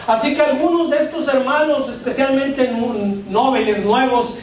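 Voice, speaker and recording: A man preaching a sermon as pastor, with pauses, letting his voice drop at the ends of lines. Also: extremely high pitch. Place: church hall. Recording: very echoey church hall from far off.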